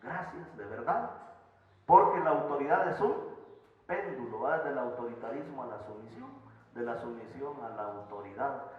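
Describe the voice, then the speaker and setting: A man's voice: mid-range voice, normal speed. Man preaching in an echoey church. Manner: preaching with swings between loud emphasis and soft asides. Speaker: pastor. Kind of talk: sermon. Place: church sanctuary. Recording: echoey church hall, slightly dull sound.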